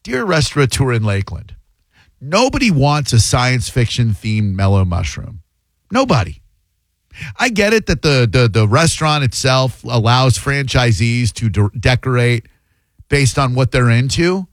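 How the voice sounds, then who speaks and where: This male call-in radio host speaks at a medium pitch in a sing-song way, with no echo. He's blunt and quick to rant, frequently making fun of the people who phone in.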